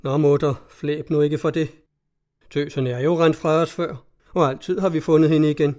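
A man voicing a blunt gruff old village elder. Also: on the high side, steady tone, warm tone, close to an everyday voice. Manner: blunt, brusque. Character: gruff older coastal guild elder, stubborn.

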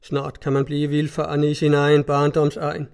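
A man voicing a grieving, weary old villager who speaks slowly and heavily. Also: a little high, completely flat delivery, gravelly, a little mellow, smooth. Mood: sorrowful. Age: older.

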